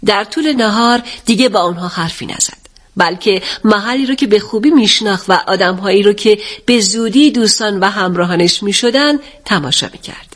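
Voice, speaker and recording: A woman narrating an audiobook in a steady, even storytelling manner. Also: mid-range voice. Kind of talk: audiobook reading.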